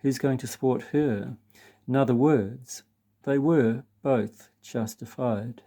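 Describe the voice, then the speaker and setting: A priest reading a spiritual book aloud in a measured, earnest way, now and then stumbling over a word. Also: male voice, mid-range voice, gravelly, dark tone.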